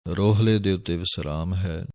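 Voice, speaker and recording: Male scripture teacher, very low and flat, drawn-out chanted recitation, dry recording. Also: no echo. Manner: drawn-out chanted recitation, then measured explanation. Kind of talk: scripture pronunciation lesson.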